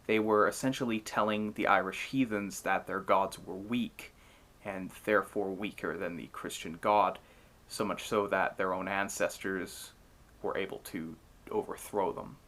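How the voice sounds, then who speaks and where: A man's voice: deep voice, fairly even intonation, a little slow, fairly bright tone. A man giving scripted, explanatory narration in the manner of a storyteller. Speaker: narrator, mythology channel host.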